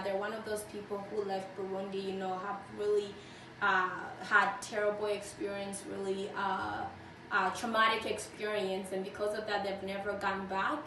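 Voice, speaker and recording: A young woman in her twenties who grew up in Tanzania, giving earnest interview answers with many fillers. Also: mid-range voice. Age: 20s. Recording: echoey room, distant mic, noisy.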